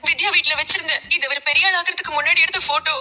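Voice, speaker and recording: An actress playing a young wife in a family TV serial who hides a painful secret, speaking earnestly with a Tamil Nadu Tamil accent. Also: female voice, very high-pitched, steady tone, racing, bright, forceful tone, exaggerated voice. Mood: explaining. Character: anguished young wife hiding a painful lie. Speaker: daughter-in-law keeping a secret in a TV serial. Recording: long hall reverb.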